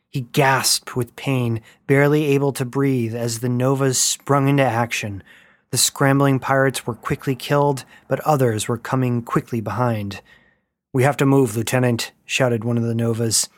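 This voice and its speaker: A man narrating a science-fiction story in a steady, even reading voice. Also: mid-range voice, no room sound.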